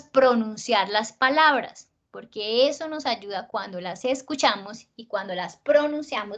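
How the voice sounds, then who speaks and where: A woman teacher with a Colombian accent giving an online spelling lesson, slowing down to stress words and often checking in with her listeners. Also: fairly high pitch, fairly bright tone. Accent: Colombian Spanish.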